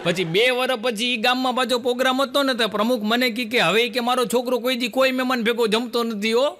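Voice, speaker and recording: A man's voice: very high voice, steady tone, quick pace, noisy background. A man, a stand-up comedian telling folksy jokes on stage before a live audience, acting out the dialogue in his stories. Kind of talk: Gujarati folk comedy storytelling. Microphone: stage microphone.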